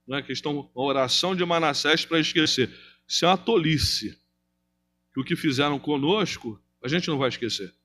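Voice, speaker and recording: A man preaching a sermon to his congregation, asking rhetorical questions and moving between loud emphasis and hushed, drawn-out phrases, with a Brazilian Portuguese accent. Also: fairly high pitch, slight background noise. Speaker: pastor. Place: church.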